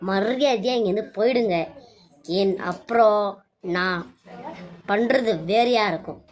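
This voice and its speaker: A woman's voice: medium pitch, measured pace, slight background noise, close to an everyday voice. A woman voicing an indignant middle-aged mother who sternly defends her daughter. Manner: stern, scolding.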